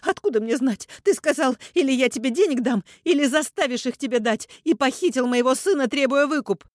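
A woman's voice: sits high, fairly quick, no echo, studio quality, voice pushed up, lightly acted. A man voicing a hysterical middle-aged woman who shrieks in panicked outbursts. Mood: shrill accusing.

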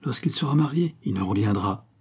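A man reading the part of a gentle, shy young viscountess in an audiobook, raising his voice a little. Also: fairly low pitch, animated, brisk, breathy edge.

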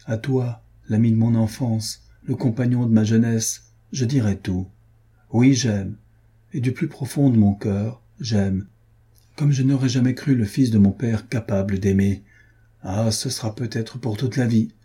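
A man voicing a proud, jesting young impoverished marquis in a classic novel reading, with a lively, declamatory manner. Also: mid-range voice, measured pace, slightly rough. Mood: passionate.

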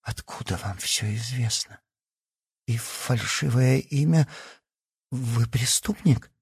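A man's voice: medium pitch, sing-song, measured pace, husky, no room sound, studio quality, voice pushed up, heavily acted. A male narrator voicing a frightened, vain teenage girl who pleads desperately in an audiobook. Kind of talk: audiobook character voice.

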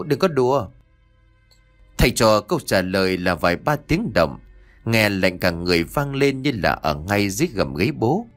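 A man narrating a spooky story in an expressive, animated storytelling manner. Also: fairly low pitch. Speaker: audiobook narrator.

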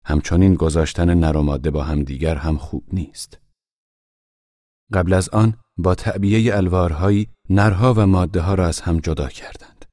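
Deep-voiced male audiobook narrator, calm and measured, dry close sound. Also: no room sound. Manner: calm, measured, soft-spoken reading. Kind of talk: scripted narration.

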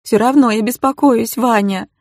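A woman doing a squeaky, flustered young woman. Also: normal speed, darkish tone, dry recording, clean studio sound. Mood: anxious. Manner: squeaky, anxious questions. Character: naive flustered young woman, easily confused.

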